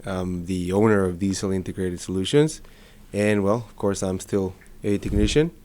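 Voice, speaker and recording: A man with a Mexican accent, a plain-spoken interview guest who phrases things a little haltingly. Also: low-pitched, dark tone. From Ciudad Victoria, Tamaulipas, Mexico. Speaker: guest, business owner and technician. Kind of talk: casual interview chat.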